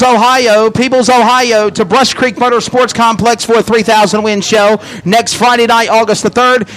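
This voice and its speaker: A man's voice: sits high, a bit bright, low-quality recording. A man calling a live dirt-track race as a rousing hype announcer, stretching out key words for effect. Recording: track noise behind the voice.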